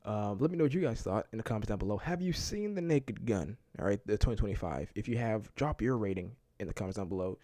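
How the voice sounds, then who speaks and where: A man's voice: on the low side, animated, fast talker, few pauses, dark tone, dry recording, clean studio sound. A man giving a casual movie review, enthusiastic and rambling, laughing often and filling his talk with casual fillers. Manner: filler-heavy, keeps saying "like" and "man".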